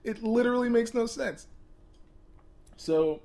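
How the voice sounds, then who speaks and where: A man's voice: very high-pitched, measured pace, a little mellow. A man hosting a casual gaming commentary video, exasperated, often laughing and stumbling over repeated words.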